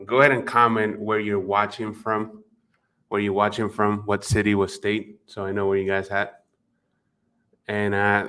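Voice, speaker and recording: A marketing coach with a Spanish accent runs a live webinar from his office, speaking into a desk mic at his computer and chatting casually with viewers by name, full of fillers. His voice sits on the low side, a bit bright and clean.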